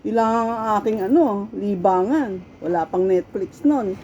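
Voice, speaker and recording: A middle-aged woman from the Philippines telling stories from her life in a casual, animated way, often laughing and acting out quoted lines. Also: mid-range voice, unhurried. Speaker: storyteller sharing her life. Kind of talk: casual personal storytelling. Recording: dull, lo-fi with faint background noise.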